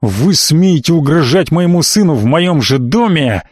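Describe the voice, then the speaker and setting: A haughty middle-aged baron, icy and clipped, who blusters when cornered, as a male narrator plays him. The voice sits a little high for a man and sounds dry and close. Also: normal speed, darkish tone, dry recording, lightly acted. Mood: angry, blustering.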